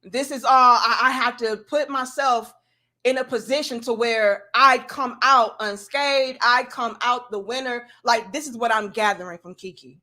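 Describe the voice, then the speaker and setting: A woman livestream host with a somewhat high voice gives opinionated commentary. She is sarcastic and doubting, leaning hard on her points. Her wording is colloquial and aimed directly at the viewers. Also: measured pace, pushed and bright. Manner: skeptical, sarcastically mimics opposing views; emphatic, punchy delivery with rhetorical questions.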